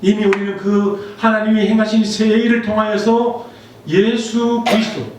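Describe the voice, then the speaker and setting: A man preaches a Sunday sermon in a high voice, chatting through a personal story and putting questions to his listeners. His voice rings through a very echoey church hall, picked up by a distant mic over faint background noise. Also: fairly even intonation, moderate pace, a little mellow. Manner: conversational storytelling, rhetorical questions to the congregation. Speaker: pastor. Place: church sanctuary.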